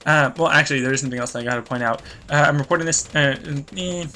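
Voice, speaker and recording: Talking rapid-fire over his gameplay, this young man rambles, loses track of what he was saying, and pokes fun at himself. His voice is mid-range, pushed and bright, a bit worn and stuffy, with slight background noise.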